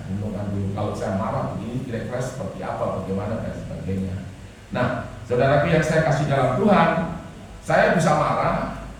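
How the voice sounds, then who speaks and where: A middle-aged male pastor, preaching emphatically, his voice swinging between loud and soft. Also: on the high side. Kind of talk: sermon. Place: church hall. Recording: very echoey hall, voice from far off, faint noise.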